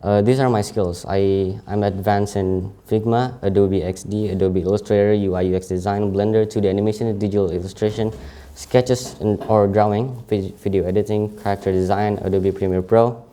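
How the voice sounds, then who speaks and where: This late-teenage native speaker of Indonesian, accent clearly Indonesian, walks through his CV casually, halting and correcting himself often. He has a warm, fairly low voice with fairly even intonation.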